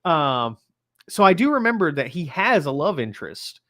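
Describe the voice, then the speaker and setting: Fairly high-pitched and speaking at normal speed, a man from the Bahamas tells stories with energy and performs quotes during a casual film review chat. The recording is dry, with clean studio sound.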